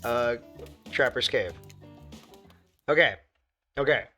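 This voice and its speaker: A man giving casual gameplay commentary. He reads the game's text aloud, jokes with viewers and bursts into loud exasperated shouts. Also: medium pitch, slow pace, soft background music. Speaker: gaming video creator.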